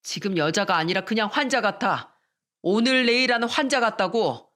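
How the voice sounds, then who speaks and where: A woman's voice: mid-range voice, moderate pace, fairly bright tone, natural voice. A woman voicing an arrogant, cruel male doctor who sneers at his sick wife. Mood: contemptuous. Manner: sneering, contemptuous.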